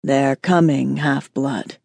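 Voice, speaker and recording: A woman voicing a servile male demon minion, speaking low, slow and breathy with quiet menace. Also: steady tone, no echo, exaggerated voice. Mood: menacing. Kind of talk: audiobook character voice.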